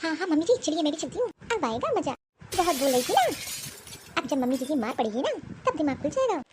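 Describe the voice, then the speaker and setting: A woman's voice: sits high, very animated, fast, noisy background. A woman voicing a sly younger daughter-in-law in a cartoon, with a whiny, gossipy, gleeful manner. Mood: gloating. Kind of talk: cartoon voice acting.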